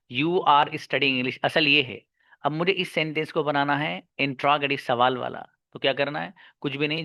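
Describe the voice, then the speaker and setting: A man teaching an online English grammar lesson. He asks his students questions and answers them himself, repeats key words, and draws out English example sentences slowly. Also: on the high side, creaky, sharp tone, no room sound, clean studio sound.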